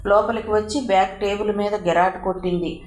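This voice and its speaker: A woman narrating a novel in a steady storytelling voice. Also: medium pitch, a little fast, a little hiss or hum. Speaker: audiobook narrator. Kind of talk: novel reading. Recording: roomy echo.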